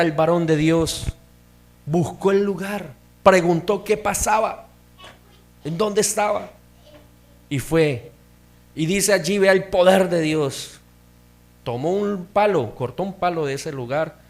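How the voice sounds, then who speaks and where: A middle-aged man preaches a sermon in a fairly high voice. He tells his story plainly, then climbs into emphatic, rising bursts of conviction. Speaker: pastor. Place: church hall.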